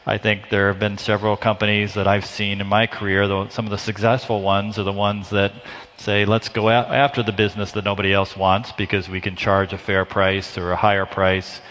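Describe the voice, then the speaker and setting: A man on a conference panel fields audience questions in a measured way, often restarting his phrases. His voice sits fairly low. The sound carries the long reverb of a large hall. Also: level tone, a bit bright. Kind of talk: conference Q&A answer.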